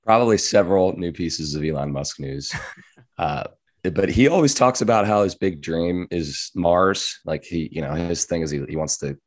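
A man with a hoarse, raspy, worn-out voice hosting a podcast in an informal, jokey, chatty way. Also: sits low, expressive, moderate pace. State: hoarse, losing his voice. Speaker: podcast host. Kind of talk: casual podcast chat.

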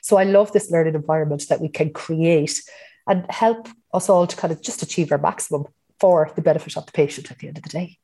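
A woman's voice: sits low, quick pace, warm tone. A middle-aged woman with a west of Ireland Mayo accent, chatting informally and reflectively as a podcast interview guest. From County Mayo, west of Ireland. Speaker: interview guest, hospital emergency consultant.

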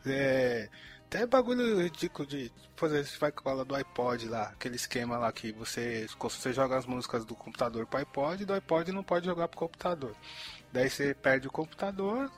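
A man's voice: mid-range voice, fairly quick, faint music behind. A young man, giving his opinions in a rambling, slangy way as a podcast co-host. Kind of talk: casual chat.

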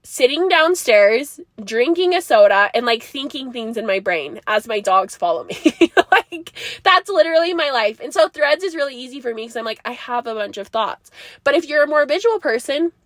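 This young woman's solo podcast is casual and rambling, full of laughs, recorded inside her parked car while her nose is congested. She speaks high-pitched and animated at a moderate pace, a bit bright, with no echo and studio quality.

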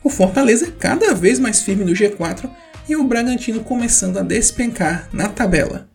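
A man's voice: high-pitched, lively intonation, normal speed, gravelly, soft background music. A man with a Brazilian accent hosting a football round-up in informal scripted narration, emphatic and colloquial, with playful slang.

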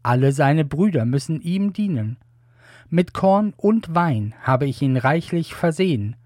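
Aged patriarch read by a man, solemn, unhurried, a little high. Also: expressive, a little mellow, dry recording, clean studio sound. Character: aged blind patriarch giving blessings.

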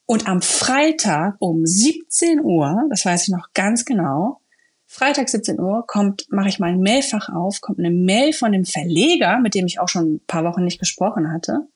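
A woman author in a casual interview, telling her story in a lively, animated way and acting out what people said. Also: medium pitch, normal speed, husky. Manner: lively, animated storyteller who acts out quoted dialogue.

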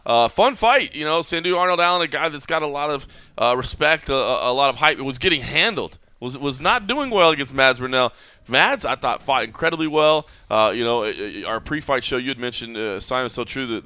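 Guy hosting a fight podcast, bright crisp voice, chatty, keeps restarting phrases. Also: medium pitch, expressive, no echo. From Texas, United States. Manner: talkative, restarts phrases, quick to laugh. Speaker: podcast host. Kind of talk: casual post-fight recap chat.

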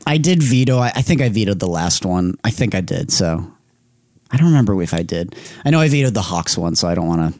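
A man's voice: deep voice, sing-song, quick pace, darkish tone, no echo. A man co-hosting a podcast in casual chat, joking and laughing often, often trailing off mid-sentence. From Maryland. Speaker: podcast co-host.

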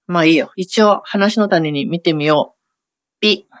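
A woman's voice: lowish voice, normal speed. A woman hosting a radio show, chatting casually and narrating a comic scene to herself. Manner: chatty, acts out quotes in a mumbled aside.

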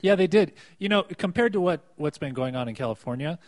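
A man's voice: fairly high pitch, brisk. A man co-hosting a casual podcast, bantering and joking as he recalls the year's news. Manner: joking, animated banter with laughs. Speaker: podcast co-host.

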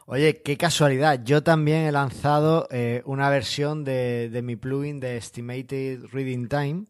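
Man, host, relaxed and chatty, dry close sound. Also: medium pitch, unhurried, clear, resonant tone, dry recording. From Spain. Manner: relaxed, chatty, many fillers. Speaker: podcast host. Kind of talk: casual podcast chat.

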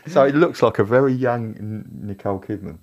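A man's voice: medium pitch, brisk, darkish tone, highs cut off. A man co-hosting a casual comedy podcast, telling a story in a rambling, self-correcting way and laughing at his own jokes. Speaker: podcast co-host.

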